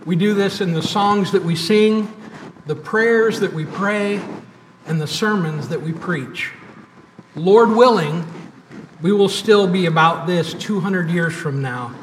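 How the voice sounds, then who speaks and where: A man with a high voice preaches slowly and deliberately, repeating his key words for weight. His sermon rings through a church sanctuary with long reverb, picked up from a distance with faint background noise. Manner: preaching with emphatic repetition and pauses. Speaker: pastor. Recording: echoey church hall, mic at a distance.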